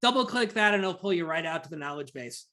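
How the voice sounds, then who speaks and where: A man giving a rapid, enthusiastic webinar presentation over a video call, talking like an auctioneer. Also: a little high, lively intonation, sharp tone. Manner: rapid, enthusiastic, self-described nerd. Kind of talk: fast-paced webinar presentation.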